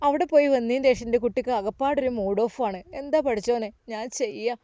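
A woman's voice: a little high, a little fast, warm tone, no echo, lightly acted. Fields. Figure: woman as a worried mother. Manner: pleading, anxious. Sound: dry and close. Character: anxious middle-aged mother, worried and comforting.

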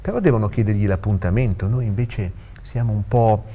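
A man's voice: lowish voice, fairly quick, mellow, slightly rough. A man voicing a cheerful elderly male lawyer with a jovial manner, in a read-aloud story.

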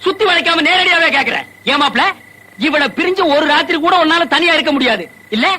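A man's voice: very high voice, a little fast, sharp tone, full character voice, low-quality recording. An actor playing a domineering village man who scolds and threatens in a film scene. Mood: angry. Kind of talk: Tamil film acting.

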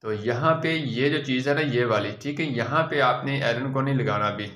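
A man's voice: medium pitch, moderate pace, a bit bright, roomy sound. A man, patiently walking viewers through ironing step by step and checking in after each one. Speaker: tailor teaching ironing. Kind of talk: step-by-step how-to demonstration.

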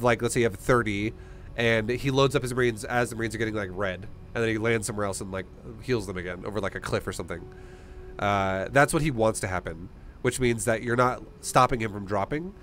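A man's voice: mid-range voice, fairly bright tone. Casual male gaming coach, faint background noise. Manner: informal, encouraging.

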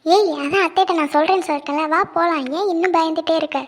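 A woman's voice: very high-pitched, fairly even intonation, fast talker. A woman voicing a cheerful young woman in a cartoon, the heroine's best friend, with a playful, teasing, nosy way of talking. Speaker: cartoon character. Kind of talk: cartoon voice acting.

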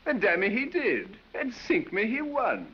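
With an exaggerated, high-sitting voice, huge pitch swings and a measured pace, a man acts a foppish, affected English aristocrat in a 1930s film. He speaks with an English accent, drawls, acts silly and laughs at his own jokes in foppish banter, over a dull soundtrack with faint hiss.

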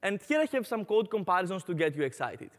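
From the stage of a large conference hall, a young Greek-accented man from Greece gives an upbeat talk laced with "uh" fillers. He sounds very animated at a quick pace, his high-pitched voice followed by a long reverb tail.

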